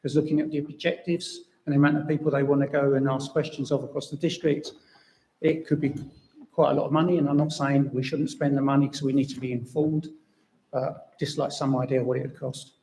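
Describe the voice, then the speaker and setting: Gravelly-voiced male councillor in an echoey chamber. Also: mid-range voice, flat delivery, brisk, darkish tone. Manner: hesitant, apologetic restarts. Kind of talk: speaking at a council meeting.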